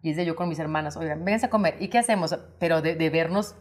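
A Mexican woman in her thirties talks as a guest on an interview show. She tells her stories with energy, slipping into quick acted-out quotes of the people in them. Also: low-pitched. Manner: lively anecdotes with acted-out quotes. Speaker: interview guest, singer and actress. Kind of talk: casual storytelling interview.

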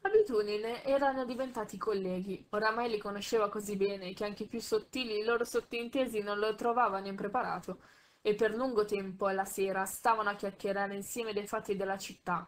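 Una donna che legge un romanzo ad alta voce con tono misurato, correggendo ogni tanto qualche piccolo inciampo. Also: female voice, medium pitch, steady tone. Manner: measured, with small slips and self-corrections. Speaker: audiobook reader. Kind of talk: reading a novel aloud.

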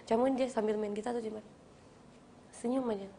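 Brief: woman guest, thirties, gravelly and soft, reflective storyteller. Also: on the high side, fairly even intonation, brisk, slight background noise. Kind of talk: casual chat.

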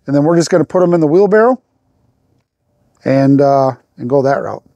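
Relaxed, mellow-voiced homesteader outdoors. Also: male voice, fairly high pitch, moderate pace, no echo, muffled recording. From Arkansas. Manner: relaxed explaining with fillers. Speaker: homesteading channel host. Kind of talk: casual instructional vlog. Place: outdoors on a farm field. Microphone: lapel mic.

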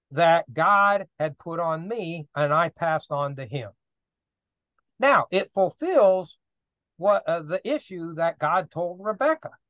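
A man teaching a casual Bible study class, reading scripture aloud and acting out the characters in lively asides. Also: high voice, dry recording, highs cut off. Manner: animated, reads scripture aloud and acts out the characters with laughs.

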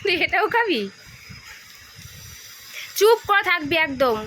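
A woman with a high, bright voice playfully scolds and coaxes her pet parrot in a casual home vlog. She repeats her calls over and over in a teasing, mock-stern tone. A faint hiss of room noise sits behind her voice. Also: very animated, slow pace, poor audio.

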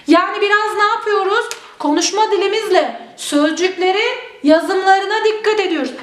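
A woman teaching spelling to exam students, drawing out each word slowly and often checking in with the class. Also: extremely high pitch, a bit bright. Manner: drills words slowly, stretching them out. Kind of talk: exam-prep spelling lesson. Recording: echoey room.

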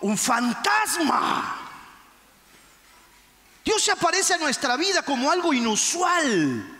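A male pastor preaching a fervent sermon, shouting and acting out the quotes. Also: very high voice, huge pitch swings, normal speed, long reverb tail. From Argentina.

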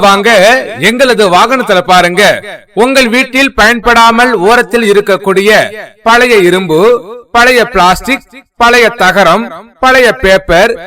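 A man's voice: very high-pitched, pushed and bright. A man making a scrap dealer's street announcement, calling out lists of items like a singsong street hawker.

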